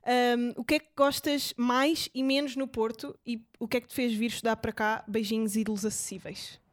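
A woman's voice: a little high, level tone, fairly quick. A woman with a European Portuguese accent who hosts a podcast and chats in a teasing way. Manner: teasing, laughs often. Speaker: podcast host. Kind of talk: casual chat.

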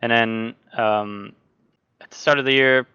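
A man's voice: mid-range voice, smooth, dry recording, lo-fi sound. A young man from Norway, a sim racing driver, talking casually as a podcast guest with lots of fillers and restarts. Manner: relaxed, halting, many fillers and restarts.

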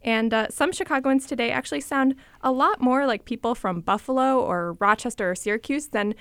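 A woman's voice: sits high, a little fast, fairly bright tone, clean tone, dry recording. Chatty woman reporter, dry studio sound. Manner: chatty, explaining with fillers. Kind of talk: radio interview explanation.

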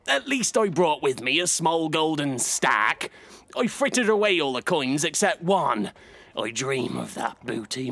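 An actor playing a very old, blind, wily sailor who persuades in rhyme, as in an audio drama. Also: male voice, medium pitch, gravelly, a bit bright, heavily acted. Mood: weary, confessional. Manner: very old man's delivery. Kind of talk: rhyming audio drama storytelling.

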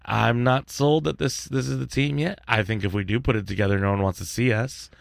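Gravelly man in casual podcast banter. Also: mid-range voice, a little fast, no room sound, clean studio sound. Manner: loose, joking, swears casually. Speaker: podcast co-host.

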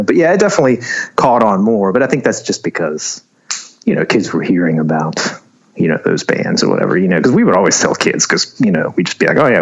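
Joining over a video call as a guest musician, a man in his forties from North Carolina chats and rambles, using lots of fillers and laughing often. His voice is lowish, and the audio is dull.

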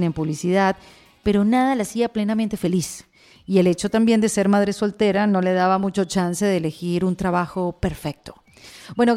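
Woman, Venezuelan accent, podcast host, chatty and expressive, faint music. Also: mid-range voice. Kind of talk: podcast interview. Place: studio in a coworking space.

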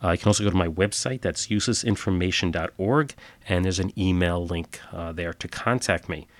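A podcast host with a very low voice briskly narrates scripted, strange true stories in a steady, matter-of-fact manner, dropping filler uhs in his sign-off. He sounds a bit stuffy and nasal from a cold, and the recording is close and dry with no room sound.

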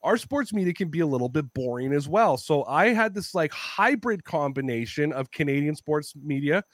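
Male podcast host, higher-pitched and lively, swears freely, acts out quotes, dry close mic. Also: moderate pace, no room sound. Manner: animated storytelling, swears a lot, acts out quotes. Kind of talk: casual podcast chat.

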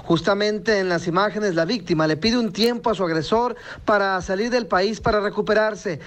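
A man giving a news report on a radio show in a steady, informative way. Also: high voice, normal speed.

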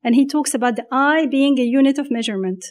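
A woman with a high-sitting, darkish voice reflects on faith in conversation. She pauses often and restarts her thoughts while searching for words.

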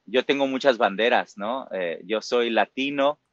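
A man's voice: medium pitch, unhurried, dry recording. Man, Mexican Spanish accent, forties, interview guest, reflective, many fillers, dry slightly lo-fi sound. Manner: reflective, frequent fillers and tag questions. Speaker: musical theater performer, guest. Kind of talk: casual interview talk.

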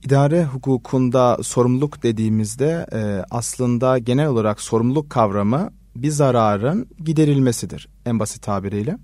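A man who is a legal scholar answers interview questions at an unhurried, measured pace, stopping often to hesitate mid-sentence. His voice sits at a middle pitch. The recording is dry and close. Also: mellow, no echo. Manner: measured, frequent hesitation fillers. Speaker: law research assistant, guest expert. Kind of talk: explanatory radio interview answers.

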